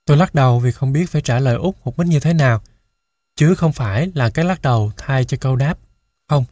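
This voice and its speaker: Brief: male audiobook narrator, mid pitch, measured first-person reading, dry close-mic sound. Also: darkish tone, no echo.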